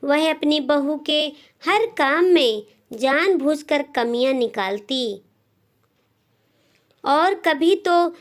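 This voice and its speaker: A woman with a high, expressive voice narrates a scripted moral story as a storyteller. She speaks in deliberate phrases, pausing often.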